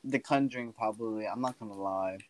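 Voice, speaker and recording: A man's voice: lowish voice, fairly quick, a little mellow. A teenage man co-hosting a casual chat podcast, slangy and laid-back, swearing often. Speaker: podcast co-host.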